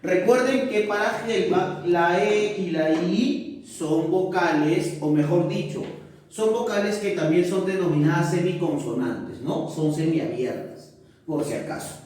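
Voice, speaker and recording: A male teacher giving a classroom lesson, often checking in with tag questions and pausing with fillers. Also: high-pitched, a little mellow. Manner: hesitant, with many fillers. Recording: echoey room, far from mic.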